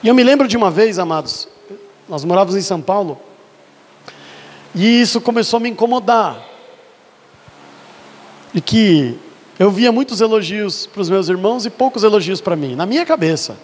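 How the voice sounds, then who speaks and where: A man preaching in a church with a high, somewhat husky voice. His delivery builds from quiet storytelling into fervent emphasis, and the voice rings out with a long reverb through the hall. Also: animated, normal speed, pauses often. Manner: preaching with rising intensity, varied pitch. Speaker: pastor. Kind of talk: sermon.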